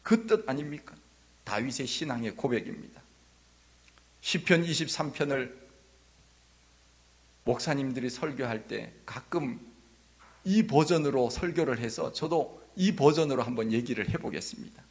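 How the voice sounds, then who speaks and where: A man's voice: mid-range voice, moderate pace, pauses often. A middle-aged man preaching a Sunday sermon as pastor, talking directly to his congregation and closing in prayer. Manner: lively preaching with playful dialect impressions.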